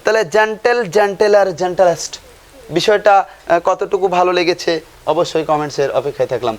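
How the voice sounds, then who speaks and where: A male teacher giving a grammar lesson, asking questions and answering them himself, repeating each word form slowly. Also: high voice, lively intonation. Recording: faint hiss.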